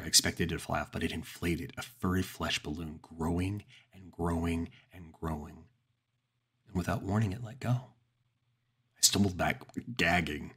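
A man with a low, husky voice reads a first-person horror story aloud. His telling is measured and dramatic, pacing the creepy moments with care. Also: sharp tone. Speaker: narrator. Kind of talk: scripted horror story narration.

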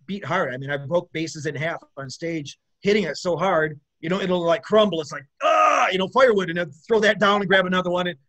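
High-voiced rambling rock bassist. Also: male voice, brisk, few pauses, a bit bright. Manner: rambling, searching for words, lots of restarts; enthusiastic. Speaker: bass player in an eighties rock band. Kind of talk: casual interview chat.

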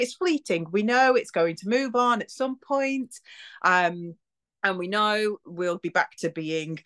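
A woman's voice: on the low side, a bit bright. A woman in her forties hosting a solo podcast. She talks in a chatty, reflective way and acts out little quoted bits of self-talk. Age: 40s. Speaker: podcast host.

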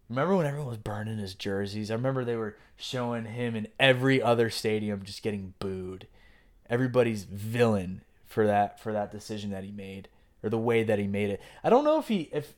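A man's voice: mid-range voice, smooth. Opinionated man in casual sports talk. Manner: conversational, opinionated, frequent restarts. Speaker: podcast host.

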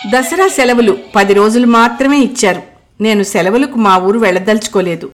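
A woman narrating a first-person story in an expressive reading. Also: a little high, moderate pace, music in the background. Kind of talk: audiobook narration.

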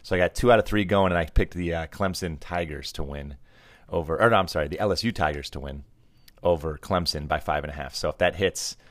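A middle-aged man with a low voice co-hosts a casual sports podcast. He talks in an unscripted, teasing, bantering way. The recording is close and dry. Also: a little fast, fairly bright tone, dry recording. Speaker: podcast co-host, father of the other host. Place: home basement.

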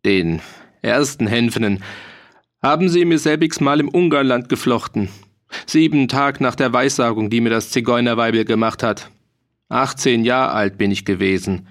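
A man's voice: mid-range voice, normal speed, natural voice. Brief: male reader as a hearty mercenary, boastful and merry, talking in old dialect. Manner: hearty, bragging, dialect-heavy. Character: boastful, jolly grown male mercenary soldier. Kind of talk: audiobook reading.

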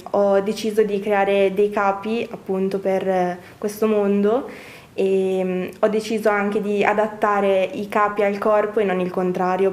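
A woman's voice: medium pitch, a little mellow. A woman of twenty-one, explaining her work as an interview guest, slightly muffled by a face mask. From Brescia, northern Italy. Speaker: interview guest, young fashion designer. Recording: roomy, echoing indoor sound.

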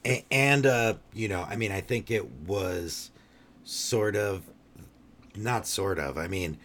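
A man's voice: on the low side, takes it slowly, fairly bright tone. A man co-hosting a casual podcast chat, hesitant and full of um and like fillers.

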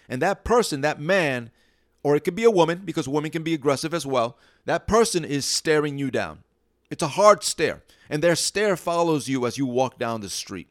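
A man's voice: on the high side, no echo, studio quality. A man who trains dogs, giving an informal teaching talk and explaining through stories, with frequent restarts. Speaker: dog trainer.

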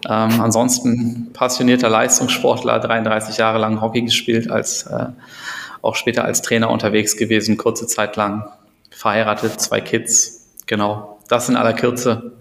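A man's voice: on the low side, monotone, normal speed, vocal fry, fairly bright tone. A middle-aged man from Berlin, a company co-founder, talking hesitantly with many fillers in a casual interview. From Berlin, Germany. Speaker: co-founder guest. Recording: echoey room with long reverb.

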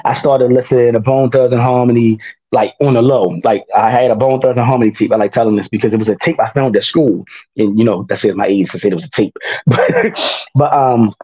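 A guest rapper with a medium-pitched, breathy voice talks briskly through his story in a relaxed interview, and the recording's highs are cut off. He's lively and self-mocking, laughing at himself often.

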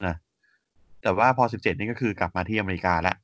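On slightly muffled, dull audio with no echo, a male podcast co-host talks fast in a lowish, fairly bright voice with fairly even intonation. He reads facts steadily in the casual chat, often hesitating with fillers and ending sentences politely.

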